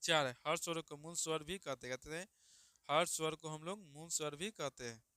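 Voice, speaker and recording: Guy teaching grammar, bright crisp voice, drills questions back at you. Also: on the high side, fairly quick, no room sound, studio quality. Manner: repeats questions and answers for students, stretches vowels aloud; calls listeners "babu" affectionately. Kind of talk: online exam-prep lesson.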